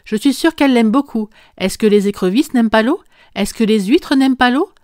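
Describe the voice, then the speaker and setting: A woman's voice: fairly high pitch, brisk, darkish tone, dry recording, studio quality, natural voice. A woman reading an audiobook voices an impulsive, stubborn little girl who speaks eagerly and insistently.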